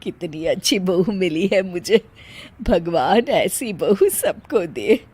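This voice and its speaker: A woman's voice: lowish voice, lively intonation, takes it slowly, a little mellow, husky, voice pushed down, heavily acted. A woman doing a fussy, scolding mother-in-law. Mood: fond. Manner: scolding, exasperated. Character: fussy middle-aged mother-in-law, easily offended.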